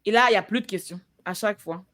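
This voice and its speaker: A woman's voice: medium pitch, very fast. Playful Québécois woman hosting a podcast. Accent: Québécois French. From Quebec. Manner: expressive, acts out dialogue, playful asides. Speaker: podcast host. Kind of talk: casual chat.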